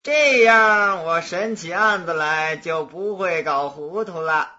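A woman doing a slow, lowered voice for a dim old magistrate. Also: sharp tone. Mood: pleased. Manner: slow, puzzled, drawling. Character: dim-witted lazy old county magistrate, male. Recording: dull lo-fi recording.

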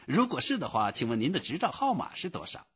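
A man's voice: fairly high pitch, wildly swooping pitch, quick pace, a bit bright, slightly rough, voice pushed up, full character voice. A man voicing a hesitant, fussy male clerk on the telephone who keeps stammering "uh". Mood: flustered. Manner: filler-laden, stammering "uh". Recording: dull lo-fi recording.

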